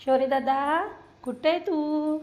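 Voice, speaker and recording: A woman's voice: high voice, steady tone, measured pace, dark tone. A young woman, a mother, playfully coaxing and chatting with her small children in a casual home game. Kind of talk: casual family chat.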